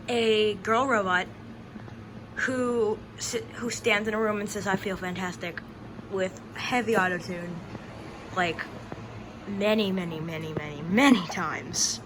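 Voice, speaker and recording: A woman's voice: mid-range voice, slow, long pauses. A young female interviewer chatting casually and asking questions about reactions. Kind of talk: casual chat. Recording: noisy home recording.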